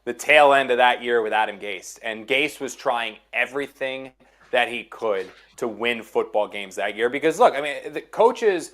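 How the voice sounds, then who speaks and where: A man's voice: medium pitch, expressive, moderate pace, a bit bright. A man working as an NFL insider in a casual sports chat, emphatic and repeating phrases to drive his points home.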